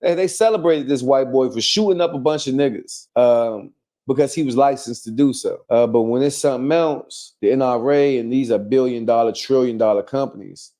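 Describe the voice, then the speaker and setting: Blunt profane man, dark voice. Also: mid-range voice, a little fast. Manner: blunt and profane, rambling with fillers. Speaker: podcast host. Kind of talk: casual chat.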